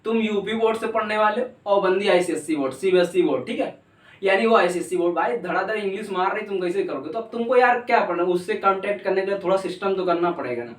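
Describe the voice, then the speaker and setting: A man's voice: sits high, expressive, fast. A young man teaching a civics lesson in a casual, chatty way, often checking in with his students. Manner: casual, chatty, keeps asking "ठीक है", jokey examples. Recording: echoey room, voice from a distance.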